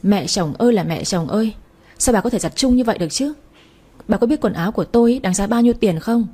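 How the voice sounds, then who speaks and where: A woman's voice: medium pitch, expressive, quick pace, mellow, husky. A woman voicing an arrogant young married woman who scolds and screeches insults. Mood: indignant.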